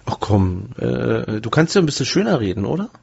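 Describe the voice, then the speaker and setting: A man's voice: medium pitch, big pitch swings, brisk, gravelly, a little mellow, breathy edge, muffled recording. A man talking through a voice morphing filter, joking around in a casual podcast chat. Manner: jokey, joshing banter.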